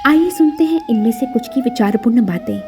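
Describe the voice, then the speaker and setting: A woman giving formal, measured scripted narration for a government podcast. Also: fairly high pitch, lively intonation, dark tone, faint music behind.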